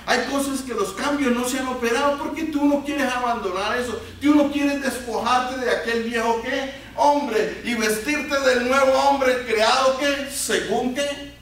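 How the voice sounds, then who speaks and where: A man preaching a sermon, often throwing questions out to the congregation and moving between loud emphatic peaks and quiet low asides. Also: a little slow. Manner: call-and-response questions to the congregation. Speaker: pastor. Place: church sanctuary. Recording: very echoey church hall, voice from far off, faint hiss.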